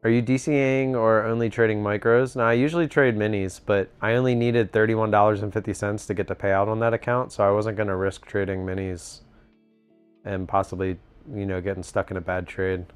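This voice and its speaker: A man's voice: lowish voice, fairly even intonation, brisk, clear, resonant tone, faint music behind. A man hosting a casual live trading stream from a cruise ship, chatting easily and reading viewer comments aloud. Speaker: livestream trading host.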